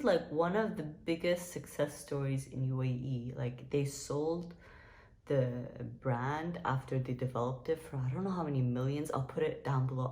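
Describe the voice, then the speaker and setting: A woman's voice: extremely low pitch, warm tone. A young woman from Dubai chatting to camera in a casual vlog, gushing and nostalgic, full of "like" and "you guys". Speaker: vlogger.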